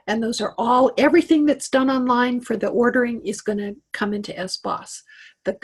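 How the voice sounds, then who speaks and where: She's a middle-aged computer coach from Wyoming, USA, chatting through a live online tech class on a video call's computer mic. The voice is on the high side, a little mellow and breathy, with a Western American accent lightly tinged Southern. Her manner is reassuring, peppered with fillers and restarts.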